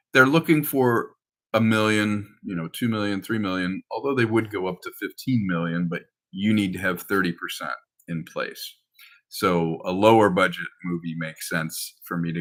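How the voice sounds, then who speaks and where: Bright and forceful in tone, with a low pitch, a film director and screenwriter casually catches listeners up on his projects. He is rambling and anecdotal and acts out quoted dialogue.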